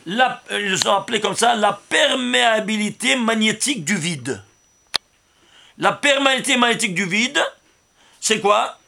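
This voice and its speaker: Man, rabbi, Torah commentary, high-pitched, gravelly, emphatic, rhetorical questions. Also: lively intonation, normal speed, a little hiss or hum. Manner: asks the listeners rhetorical questions; emphatic, stresses words loudly. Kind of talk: Torah commentary with number interpretation.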